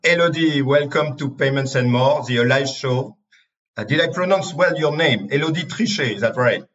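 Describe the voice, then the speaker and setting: A man's voice: medium pitch, normal speed, fairly bright tone, muffled recording. A man with a French accent hosting an interview podcast, upbeat, with slightly non-native phrasing. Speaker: podcast host.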